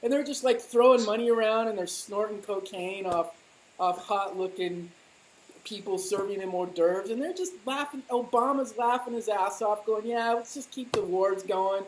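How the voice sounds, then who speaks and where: A woman's voice: medium pitch, fairly even intonation, moderate pace, slight background noise, poor audio. A woman talking politics in casual chat, heated and mocking, with a lot of swearing. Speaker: political commentator.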